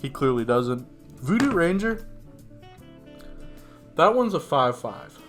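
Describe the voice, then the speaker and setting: A man's voice: fairly high pitch, very animated, takes it slowly, a bit bright. A man, a bit drunk, joking his way through beer ratings in loose banter with friends. He rambles and laughs at his own jokes. Faint music plays behind him. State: tipsy. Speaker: co-host rating beers.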